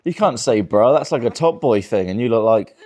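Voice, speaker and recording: A man's voice: medium pitch, expressive, a little fast, darkish tone. A man in his twenties doing crude, teasing crowd work as a stand-up comedian in a virtual-reality show. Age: 20s. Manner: crude, teasing, laughs often.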